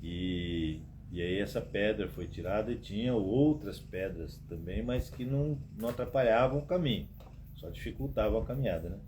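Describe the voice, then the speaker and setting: A man's voice: lowish voice, normal speed, darkish tone. A man hosting a live stream, telling rambling anecdotes and acting out the dialogue, with frequent tag questions. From Brazil. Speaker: host. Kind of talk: casual live-stream storytelling. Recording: muffled live-stream audio with background noise.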